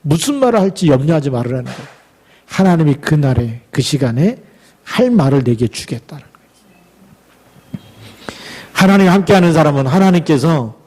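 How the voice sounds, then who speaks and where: Male pastor, middle-aged, fervent sermon voice that sits a bit high, slow scripture readings, asks the congregation questions. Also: mellow. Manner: exhorting, with rhetorical questions to the congregation; reads scripture aloud with slow emphasis.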